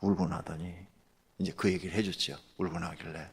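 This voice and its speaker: A pastor giving a dawn sermon, telling a story in a lively way that swings from hushed asides to loud bursts. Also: male voice, low voice, brisk, creaky, slightly rough. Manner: animated, swings from hushed to shouting.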